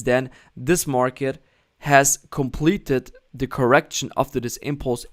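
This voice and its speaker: A German man with a medium-pitched voice hosts a live forex stream, analyzing trading charts and reading the chat. He explains things with non-native phrasing and keeps repeating "okay?"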